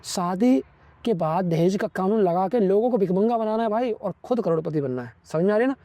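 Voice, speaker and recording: Young male vlogger, high pitched and preachy, dry close sound. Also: animated, a little fast, warm tone, no room sound. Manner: preachy, lecturing, constantly says "ठीक है". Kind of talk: opinionated advice monologue.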